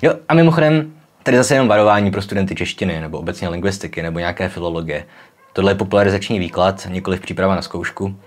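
A young man hosting a casual popular-science video, explaining in a chatty way with frequent tag questions and demonstrating sounds aloud. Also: low voice. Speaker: educational video host.

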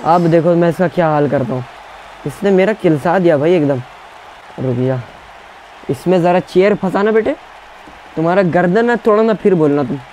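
A young man giving excited gameplay commentary, taunting his opponents and barking commands as he plays. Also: on the high side, normal speed, pauses often, slight background noise, poor audio. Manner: trash-talking, taunting opponents, shouting commands. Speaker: gaming YouTuber.

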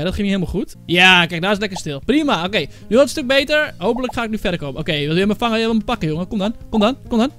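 A man giving excitable let's-play commentary, yelping and cheering, with English swear words thrown into his talk. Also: sits high. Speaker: gaming YouTuber.

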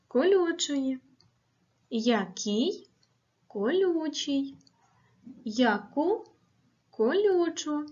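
A woman teaching a grammar lesson to schoolchildren on video, speaking slowly and clearly and asking and answering drill questions. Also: on the high side, a little mellow, muffled recording.

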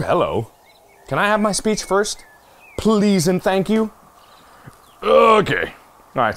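Excitable man yelping through a VR game. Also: a little high. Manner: excitable, swings from mutters to yelps and shouts; swears and jokes while playing. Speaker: gaming YouTuber. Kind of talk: let's play commentary.

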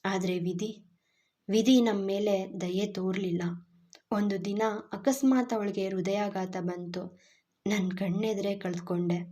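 A woman voicing a grieving widowed father in a spoken storybook, with a soft, trembling, subdued voice. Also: medium pitch, steady tone, slow pace, close to an everyday voice. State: voice trembling with grief.

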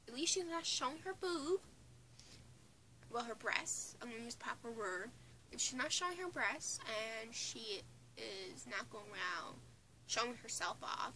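Speaking into a phone or webcam held close in front of her, a Newfoundland-accented vlogger of eighteen from Newfoundland, Canada, chats about her opinions under a bunk bed in her small bedroom indoors. She rambles, restarting and giggling, in a fairly high, pushed and bright voice. The recording is rough, with a little hiss or hum.

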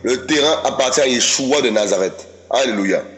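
A man's voice: medium pitch, moderate pace, faint music behind. A man preaching a sermon, emphatic, repeating his phrases and often calling out to his listeners as friends. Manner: addresses audience as "mes amis".

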